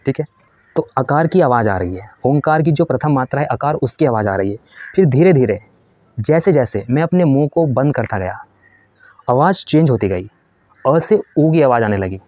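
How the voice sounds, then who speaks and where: A man's voice: medium pitch, animated, moderate pace, darkish tone, no echo. Patient male teacher with a dry, close sound. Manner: patient, asks and answers his own questions, demonstrates chanting. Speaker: spiritual teacher. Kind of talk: explanatory spiritual lesson.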